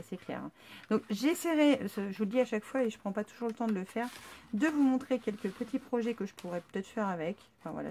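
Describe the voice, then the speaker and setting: A woman of average pitch talks through a craft unboxing. She is chatty and enthusiastic, trails off and fills gaps with fillers, and speaks in the casual way of a regular host. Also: a little mellow. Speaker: craft YouTuber.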